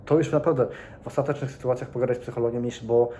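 Young man, mellow warm tone, earnest casual vlog commentary, repeats points, talks straight to viewers. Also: medium pitch, fairly even intonation, very fast, a little hiss or hum. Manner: earnest, repeats himself for emphasis, addresses viewers directly. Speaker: vlogger.

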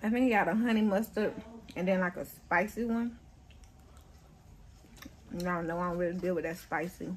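A woman's voice: lowish voice, normal speed, pauses often, a little hiss or hum. A young woman, hosting an eating show, chatting casually to viewers and humming with pleasure while talking with her mouth full. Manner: savoring, humming with pleasure between bites. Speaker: mukbang host.

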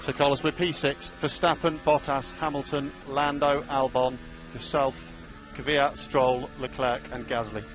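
A man's voice: medium pitch, level tone, a little slow, music in the background. A man giving instructions as a race engineer over team radio, repeating key information. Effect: team radio transmission.

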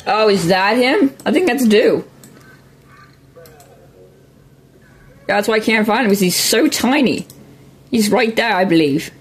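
High-voiced young man chatting through gameplay. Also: lively intonation, unhurried, pauses often, slightly rough. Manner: chatty, easily puzzled, laughing along. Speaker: gaming video host. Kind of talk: casual gameplay commentary.

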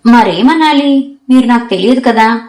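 A woman voicing a shy, soft-spoken young woman student who talks quietly. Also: fairly high pitch, expressive, measured pace, roomy sound, soft background music, pitched above the performer's own voice. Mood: timid. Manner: timid, quiet.

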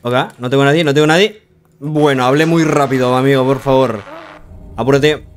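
A young man giving frantic live commentary on a horror game, urging himself on with rapid repeated words and joking with the game's characters. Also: medium pitch, steady tone, slight background noise. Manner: jokey, talks to the game's characters. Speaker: gaming streamer.

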